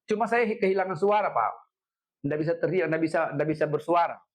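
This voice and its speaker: Animated middle-aged man. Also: a little high, fairly quick. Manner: animated, repeats phrases, ends with "Pak". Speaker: head of city education office, guest. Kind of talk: casual storytelling in an interview.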